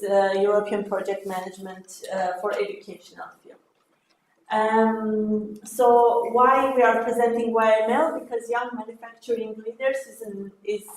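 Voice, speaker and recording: A woman from Armenia, a native Armenian speaker, presenting her project at a conference with a friendly, halting, often laughing manner. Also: a little high, darkish tone. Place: conference hall. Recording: echoey hall with faint noise.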